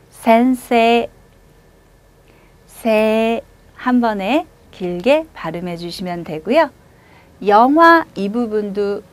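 A woman teaching a language lesson, giving slow, drawn-out model pronunciations and patient explanations. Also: medium pitch. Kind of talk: classroom lecture.

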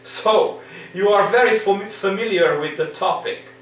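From his living room in Romania, a Hungarian-speaking man slowly coaxes students through an English exam lesson, frequently checking in and repeating himself with a rhetorical "right?". His voice is slightly high. A laptop or camera in front of him picks up the sound from a distance, so the room echoes and there's faint background noise.

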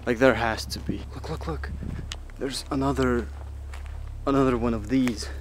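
In a noisy handheld clip, a young man vlogs on his own while walking through woods, camera held at arm's length. His voice is medium in pitch and steady in tone, yet he comes across as uneasy and halting, swearing casually.

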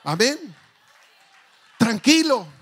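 A man's voice: very high-pitched, big pitch swings, drawn-out words, fairly bright tone, slightly rough, a faint crowd. A male pastor preaching a fervent church sermon, calling out to the congregation.

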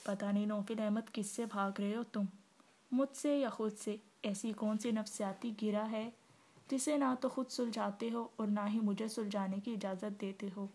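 A woman reading a calm, gentle young wife. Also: mid-range voice, normal speed, natural voice. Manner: soft, composed.

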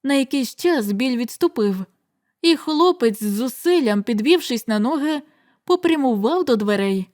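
A woman reads a horror audiobook aloud in a slightly high voice. Her delivery is measured and dramatic. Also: animated, darkish tone. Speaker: audiobook reader. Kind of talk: audiobook narration.

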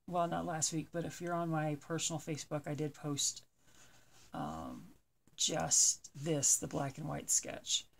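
A woman in her thirties with a low, scratchy voice and vocal fry rambles hesitantly, full of ums, in a casual unscripted update for her supporters. She's an artist vlogging at night from a small, cluttered bedroom, using the webcam on her desk, and the home audio is noisy.

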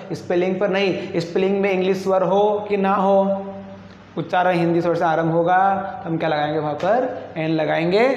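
A man teaching an English lesson who keeps asking the class questions and then answering them himself. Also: high-pitched. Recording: echoey, muffled room recording.

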